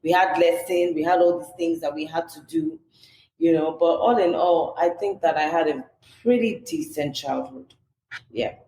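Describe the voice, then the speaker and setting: Appearing as a guest on a podcast, a young Nigerian woman chats casually in an interview, leaning heavily on "you know." Her voice is dark and lowish, with a Nigerian accent and a moderate pace. The recording picks up room echo and background noise.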